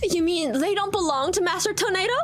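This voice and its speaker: A woman's voice: very high-pitched, fast talker. A woman reading as an earnest young defense lawyer. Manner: earnest, reading dialogue aloud.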